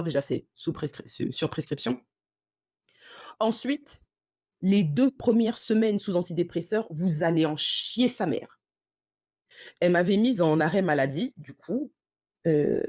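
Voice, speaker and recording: A woman hosting a casual storytelling podcast, animated and slangy, acting out the dialogue as she tells it. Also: medium pitch, dry recording, studio quality. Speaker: podcast host.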